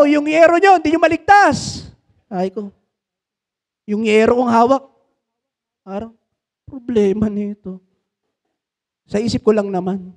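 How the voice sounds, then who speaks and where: A man in his thirties with a Filipino accent, preaching a sermon and telling a personal story with strong swings of feeling. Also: a little mellow. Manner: emotional storytelling, pitch swings, mixing English into Tagalog. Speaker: pastor.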